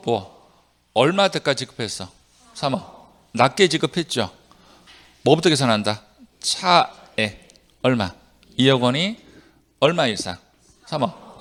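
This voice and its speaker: A man's voice: mid-range voice, moderate pace, pauses often. A middle-aged man teaching tax law to a live class, drilling students and having them repeat phrases for recitation. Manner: animated, jumps between loud and quiet. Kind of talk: classroom lecture. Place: lecture hall with a live class.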